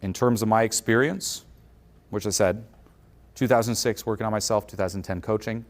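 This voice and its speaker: In a lowish voice at normal speed, a man animatedly coaches a conference audience with motivational material. Along the way he acts out the inner voices of the people he talks about.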